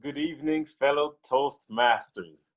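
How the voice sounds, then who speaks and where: A man's voice: medium pitch, measured pace, fairly bright tone. A man giving a motivational impromptu speech at a club meeting, using rhetorical questions. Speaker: meeting participant answering a table topic.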